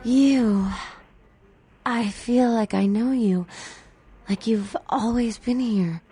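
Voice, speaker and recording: A woman playing a frightened, dazed young wounded woman in a video game, halting and stammering. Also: fairly high pitch, dark tone. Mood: awed. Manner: halting, stammering, breathy pleading. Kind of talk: video game dramatic acting.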